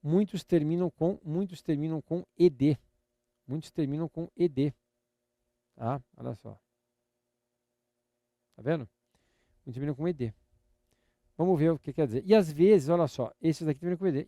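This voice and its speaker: Older Brazilian teacher, slightly high voice. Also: male voice, moderate pace, pauses often, mellow, no echo, studio quality. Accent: Brazilian Portuguese. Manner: patient, repetitive drilling with playful teasing. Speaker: English teacher. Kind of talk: live online lesson.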